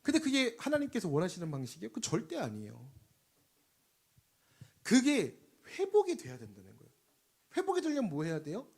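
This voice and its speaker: A man delivers a sermon in a high, husky voice that rises and falls widely as he talks. He chats with the congregation, jokes, and leads them in call-and-response, dropping to quiet asides before pushing out loud lines. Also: a little fast, pauses often. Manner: lively, conversational, swings between loud emphasis and quiet asides. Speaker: preacher.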